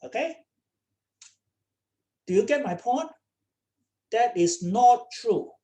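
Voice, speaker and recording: Slow-spoken woman lecturing with many "okay?"s. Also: on the high side, lively intonation, dark tone. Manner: checks in with students often, repeating "okay?". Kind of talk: online lecture. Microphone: computer mic on a video call.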